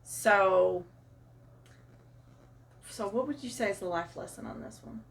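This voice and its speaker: A woman's voice: medium pitch, unhurried, creaky, a little hiss or hum. Chatty Southern woman telling a story. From Arkansas, US. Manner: chatty, animated retelling. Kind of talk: casual personal storytelling. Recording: voice a bit far from mic.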